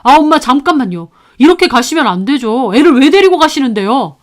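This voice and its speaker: A woman's voice: high voice, big pitch swings, fairly quick, pitched above the performer's own voice. A woman voicing a defensive grown son who argues back at his mother in a dramatized story. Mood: defensive arguing. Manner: arguing, sulky.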